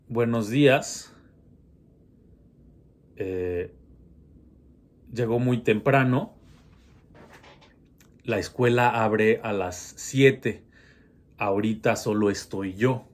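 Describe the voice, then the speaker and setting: A man's voice: medium pitch, extremely slow, pauses often. A man voicing a male teacher who pleads with a visitor in a formal, polite way.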